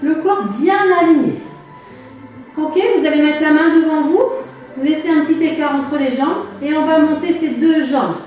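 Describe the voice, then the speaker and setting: High-pitched woman coaching a workout, echoey room. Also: moderate pace, a little mellow. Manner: encouraging, motivating coach cues. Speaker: fitness instructor leading a workout class. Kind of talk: exercise class instruction with counting. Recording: echoey room, distant mic, music behind.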